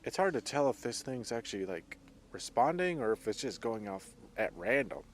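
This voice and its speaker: Nervous guy alone in the woods on a handheld cam, whispering then yelling out, faint outdoor hiss behind. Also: mid-range voice, sing-song, moderate pace. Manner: nervous, jumpy, drops to whispers then calls out loudly. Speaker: investigator filming in the woods. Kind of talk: handheld found-footage commentary.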